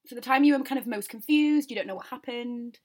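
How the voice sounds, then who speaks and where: A woman's voice: on the high side, fast, a little mellow. A woman co-hosting a podcast, chatting casually and rambling with lots of fillers and laughter. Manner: giggly, rambling with many "like"s and "um"s. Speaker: podcast co-host. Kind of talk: casual chat.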